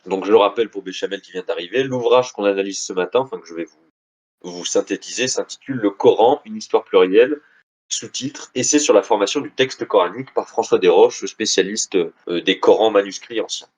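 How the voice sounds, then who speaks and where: A man's voice: fairly low pitch, a little fast, darkish tone. A man with a tired voice giving a live online lecture about a book, speaking hesitantly with frequent restarts and casual asides.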